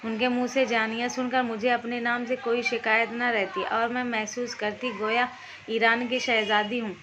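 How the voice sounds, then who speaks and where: A woman storyteller reading a novel aloud in a steady, unhurried manner. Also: fairly high pitch. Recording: muffled lo-fi recording with faint hiss.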